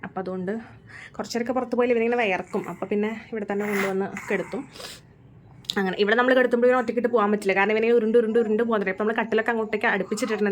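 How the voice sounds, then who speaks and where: A young woman from Kerala, a mother, chatting casually in a home vlog from her bedroom and often adding little "you know" tags. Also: mid-range voice. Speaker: vlogger and mother of a baby. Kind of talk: casual daily-life vlog. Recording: clear room ambience noise behind.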